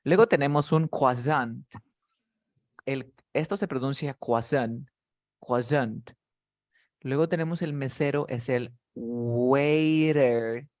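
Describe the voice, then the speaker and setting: A man's voice: on the high side, moderate pace, no room sound, clean studio sound. A man teaching English to beginners in a live class, patiently drilling words and calling on students by name.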